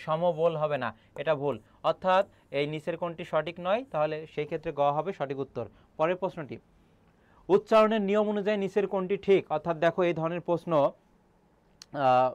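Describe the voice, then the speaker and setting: A middle-aged man with a Bangladeshi Bengali accent teaches an online admission-prep class as a senior teacher, walking through ideas step by step, quizzing his students often and clearing his throat again and again. His voice sits a little high, and the recording has no room sound.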